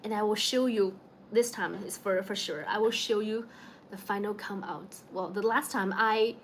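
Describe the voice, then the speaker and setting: A faint hiss or hum runs under this evening home livestream, where a young woman from China chats casually in a Chinese accent, laughing often and greeting viewers by name. Her medium-pitched voice has fairly even intonation at a moderate pace.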